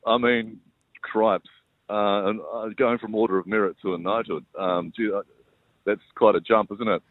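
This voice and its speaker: A New Zealand man speaks in a low voice over a narrow phone line. He is out catching a bus and talks casually, with a halting, modest manner. The sound is close and dry. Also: steady tone, no echo. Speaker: radio broadcaster on a phone call. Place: on the phone at a bus stop, then on a bus.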